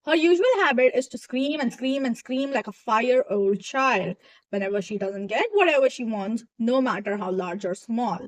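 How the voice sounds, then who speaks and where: A woman's voice: a little high, normal speed, poor audio. A young woman casually reading online posts aloud and stopping to add her own chatty asides.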